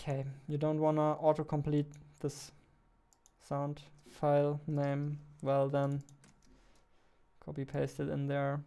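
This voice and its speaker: Sitting at his computer in a small indoor room, a man in his twenties who develops games and streams talks casually while coding live, repeating words and muttering to himself. His fairly high voice is clear, resonant and mellow, with vocal fry, delivered slowly and completely flat over keyboard clicks and faint music.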